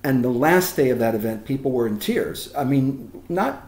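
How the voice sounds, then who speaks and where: A man's voice: mid-range voice, moderate pace. Enthusiastic man in an echoey room. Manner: animated and expansive, rising emphasis. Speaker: guest, film location tour organizer. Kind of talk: enthusiastic interview talk.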